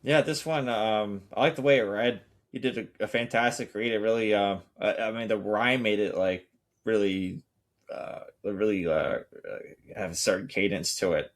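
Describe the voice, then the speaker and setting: A man with a fairly low voice explains his own writing on a casual podcast. He talks hesitantly, full of fillers and restarts, as he feels his way toward his point. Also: fairly even intonation, moderate pace. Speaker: poet and co-host. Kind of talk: casual poetry discussion.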